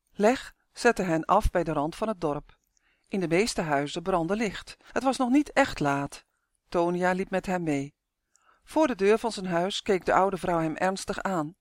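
A reader narrating a children's book in a calm, even storytelling manner. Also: mid-range voice, dry recording, studio quality. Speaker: audiobook reader.

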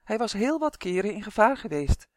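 A narrator reading a children's fantasy audiobook in a calm, expressive storytelling manner. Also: mid-range voice, normal speed, no echo, studio quality.

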